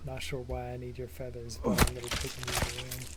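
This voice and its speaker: A man's voice: mid-range voice, monotone, fast talker, noisy background. A man hosting a co-op game session, laid-back and jokey with lots of hesitations. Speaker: gaming channel host. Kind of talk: casual gaming commentary.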